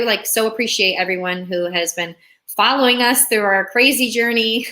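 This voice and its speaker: A woman's voice: lowish voice, sharp tone. A young woman, born in Russia, chatting upbeat with viewers on a live stream as a relocation consultant. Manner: upbeat, chatty, reads viewer comments aloud.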